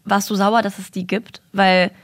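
A woman's voice: medium pitch, flat delivery, moderate pace, no echo. A woman co-hosting a casual conversation, speaking in a colloquial, loosely phrased way.

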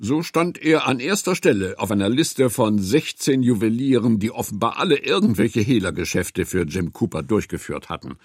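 Male radio drama narrator, husky and dry close sound, wry storytelling. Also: on the low side, lively intonation, moderate pace, hardly any pauses, no room sound.

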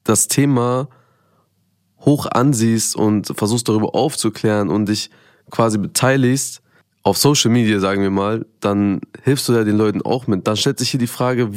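Casual male host with a lowish voice. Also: moderate pace, no echo, studio quality. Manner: casual, conversational. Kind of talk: casual show talk.

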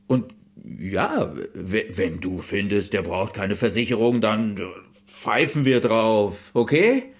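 A man's voice: fairly low pitch, slow. An actor playing an earnest insurance salesman who pleads and persuades in a film drama. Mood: apologetic.

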